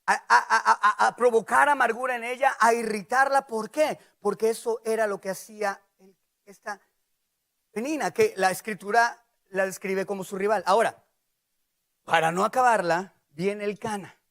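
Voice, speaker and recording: A man delivers a sermon in a lively, animated way, tossing playful questions to the congregation. His voice sits very high for a man. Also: moderate pace, creaky. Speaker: preacher.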